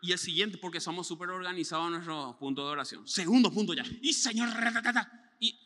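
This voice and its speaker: Pastor, male, lively storytelling preacher, bright high voice, church hall reverb. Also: fast talker. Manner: animated storytelling with mimicked sounds and voices. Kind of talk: sermon.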